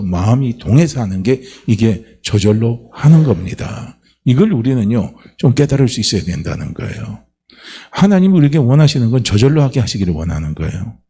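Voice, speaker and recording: Korean pastor guy preaching, asks the room questions then answers, warm dark voice. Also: on the low side, slightly rough. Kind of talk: sermon.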